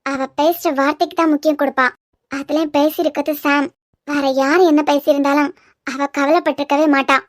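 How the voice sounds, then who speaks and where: Brief: woman playing a pert cartoon wife with a Kanyakumari accent, very high squeaky voice, dry close mic. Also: little pitch movement, no room sound, close to an everyday voice. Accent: Kanyakumari Tamil. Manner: pert, quick to argue. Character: young wife, sharp-tongued and protective. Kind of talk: cartoon web series voice acting.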